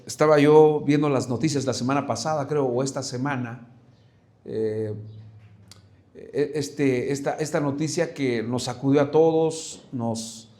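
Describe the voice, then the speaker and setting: A man's voice: mid-range voice, mellow. A man, preaching a sermon as pastor, earnest and searching, often restarting and asking rhetorical questions.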